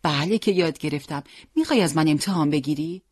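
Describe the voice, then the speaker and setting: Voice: mid-range voice, husky, no echo, clean studio sound, lightly acted. A reader voicing an eager little schoolgirl sister, keen to please her older brother, in an audiobook character reading.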